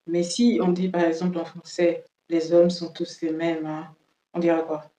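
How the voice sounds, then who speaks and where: A woman's voice: on the low side, completely flat delivery, warm tone, echoey room, low-quality recording. A woman teaching English in French who drills each word by repeating it several times. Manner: slow, drills words by repeating them. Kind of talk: French-language English lesson.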